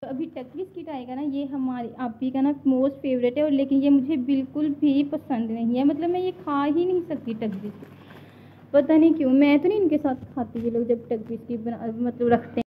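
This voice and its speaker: A young Pakistani woman with a Pakistani Urdu accent vlogs from home, rattling off her words quickly in a bright, high voice. She keeps a casual, chatty tone, and a faint hum of the room sits behind her. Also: narrow, tinny audio. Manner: talks fast on purpose. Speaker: vlogger. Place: home, at a family tea table.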